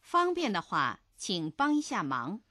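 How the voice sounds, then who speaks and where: A woman reading lesson phrases slowly and clearly for learners to repeat. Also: mid-range voice, wildly swooping pitch, pushed and bright, dry recording, studio quality. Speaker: model reader of phrases. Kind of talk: slow drill repetition.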